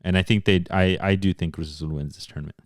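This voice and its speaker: A man with a very low voice talks soccer in a relaxed, casual way, slipping between English and Spanish. The sound is dry and close to the mic. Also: fast talker, no echo. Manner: laid-back, mixes English and Spanish. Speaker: podcast co-host. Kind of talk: casual sports chat.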